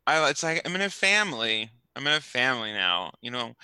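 A man playing an excitable, sleazy male manager of cat videos, talking in gushing baby talk and giggles in an improvised comedy bit. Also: medium pitch, brisk, smooth, dry recording. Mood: scheming. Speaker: guest. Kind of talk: improvised comedy role-play.

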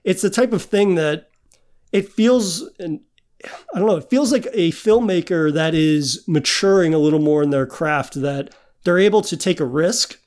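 A man's voice: a little high, normal speed, darkish tone. A young adult man in casual film discussion, thinking aloud in long winding sentences full of "you know" and "like.". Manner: thoughtful, long winding sentences with many fillers.

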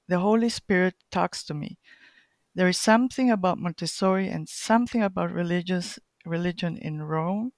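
A woman's voice: on the low side, dry recording, studio quality. Middle-aged woman from Chile and Colombia. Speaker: guest catechist. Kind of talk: casual interview.

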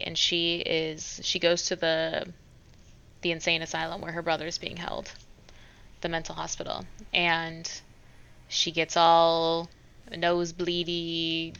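A woman's voice: lowish voice, sharp tone, clean tone. A woman casually chatting as a podcast co-host, retelling movie scenes with lots of "like". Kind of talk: casual chat recapping a movie. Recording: dull lo-fi sound.

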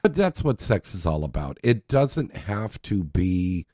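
A man with a fairly low voice hosts a casual interview. He talks informally and prompts with questions, and the sound is dry with little room. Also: big pitch swings, a little slow, dark tone, no echo. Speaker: interview host.

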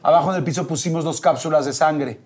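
A man's voice: on the high side, fast talker. A man with a Mexican accent telling an anecdote as a guest in casual chat, acting out the quotes. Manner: animated, acts out quotes. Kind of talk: casual storytelling.

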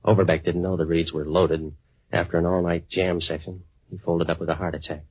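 An actor playing a wisecracking American private eye in a 1940s radio noir, deadpan and clipped. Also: male voice, low voice, a little fast, husky, dry recording. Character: hard-boiled wisecracking male waterfront private eye. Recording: dry, muffled 1940s radio recording.

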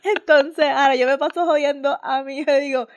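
A woman with a Caribbean Spanish accent co-hosting a podcast, chatting casually and laughing while sick with a rough voice. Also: sits high, steady tone, brisk. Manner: laughing, joking, mixes in English phrases. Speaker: podcast co-host. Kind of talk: casual chat.

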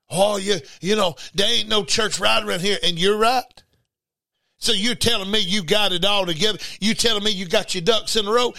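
Preaching with open anger, a man confronts and scolds his listeners in a fiery, informal sermon, repeating refrains and hurling rhetorical questions. His voice sits high with a sharp tone, recorded without echo.

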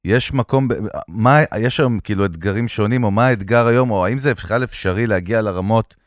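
Low-voiced man hosting with brash banter. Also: no echo, studio quality. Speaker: podcast host. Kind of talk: casual podcast conversation.

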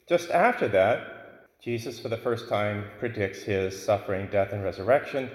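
A man speaking as a priest, reading the gospel and preaching in a solemn, deliberate way in an echoing, cathedral-like church. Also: fairly low pitch. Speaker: priest giving a homily. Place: large reverberant church. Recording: echoey church with long cathedral-like reverb.

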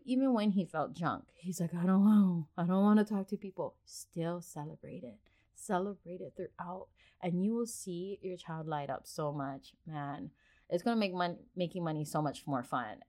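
A woman in her thirties hosting a podcast, giving casual, upbeat, encouraging advice to parents. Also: on the low side. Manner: upbeat, encouraging, acts out quoted voices. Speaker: podcast host.

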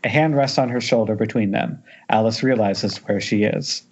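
Speaking at a normal speed in a fairly low voice, a man reads screenplay directions aloud during an informal table read. It happens on a remote group Skype call with dull, noisy sound, and he stumbles and restarts at times.

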